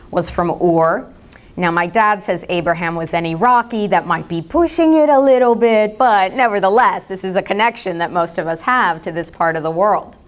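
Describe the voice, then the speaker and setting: An American woman giving a public lecture with slides, slipping in dry, sarcastic asides. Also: on the low side. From United States. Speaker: speaker giving a public talk.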